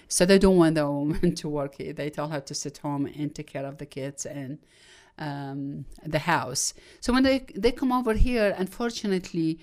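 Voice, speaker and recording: Lady with a really low voice, lots of uh's and restarts, interview answer. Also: a little mellow. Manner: halting, many fillers and restarts.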